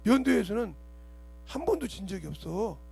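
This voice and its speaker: A male pastor preaches a fiery sermon in a church. He scolds his listeners with rhetorical questions and bursts into shouts. His voice sits high and swings widely, with a heavy gravelly, raspy edge. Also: very animated, fairly quick. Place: church sanctuary.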